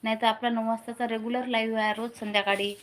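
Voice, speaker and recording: A woman's voice: a little high, little pitch movement, quick pace, a bit bright, slight background noise. A woman with a Vidarbha Marathi accent hosting a casual live stream from home on her phone, urging viewers to comment. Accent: Marathi from Vidarbha region. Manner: urges viewers to comment, chats with family off-camera.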